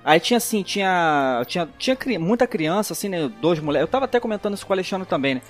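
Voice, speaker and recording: A man's voice: high voice, lively intonation, fast talker, faint music behind. A man with a Brazilian accent chatting casually and telling anecdotes with plenty of slang and swearing.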